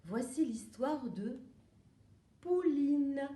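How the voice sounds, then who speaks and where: A woman narrating a children's picture book in a bright, high voice. She reads slowly and playfully, in a sing-song rhythm. The sound rings in a roomy, echoing space. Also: lively intonation. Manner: slow, sing-song, playful read-aloud. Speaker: storyteller. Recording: roomy echo.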